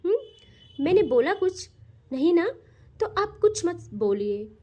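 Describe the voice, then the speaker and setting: A woman voicing a young woman who speaks softly and calmly while keeping her partner at a cool distance, in a spoken audio love story. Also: very high voice, measured pace, heavily acted. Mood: coolly calm. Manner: soft, calm and detached. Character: young woman lover, calm and coolly distant.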